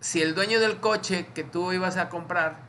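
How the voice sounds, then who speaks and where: Man, Mexican accent, bright forceful voice, slightly high, informal Bible study teacher, keeps asking if he's clear. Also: moderate pace, a little hiss or hum. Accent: Mexican Spanish. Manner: explains with little acted dialogues, checks understanding often.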